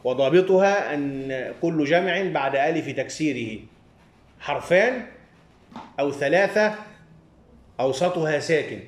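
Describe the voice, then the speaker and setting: A man's voice: on the high side, lively intonation, a little slow, long pauses, echoey room. A man with an Egyptian accent teaching a hadith studies class, leaving sentences open so his students can finish them. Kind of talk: classroom lecture with call-and-response.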